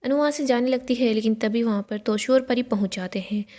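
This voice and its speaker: Woman, serial recap narrator, mellow tone, fairly high pitch, steady reading. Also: fairly quick. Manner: steady storytelling, even reading.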